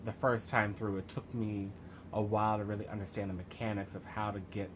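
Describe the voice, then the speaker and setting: A man speaks in a fairly low voice with a lisp caused by the retainer he is wearing. He rambles haltingly, as if thinking aloud in a casual video diary. Background noise is clearly audible behind him. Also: little pitch movement. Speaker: vlogger and writer.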